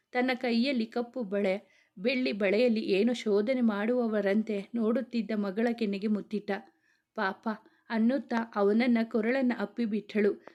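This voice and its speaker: A woman narrates a romantic family story at a steady, even pace. She reads the dialogue of every character in her own everyday voice rather than acting it out. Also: a little high. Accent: Kannada.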